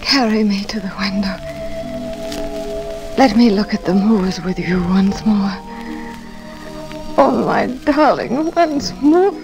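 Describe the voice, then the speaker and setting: An actress playing a frail, dreamy, passionate young woman who is dying, breathy and whispery, in 1940s radio drama style. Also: medium pitch, slow, long pauses, low-quality recording. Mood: dreamy longing. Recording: old radio recording, music behind.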